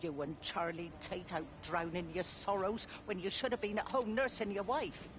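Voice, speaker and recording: An actress playing a sharp-tongued older village woman in a video game, tart and scolding. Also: lowish voice, steady tone, normal speed, background noise, natural voice.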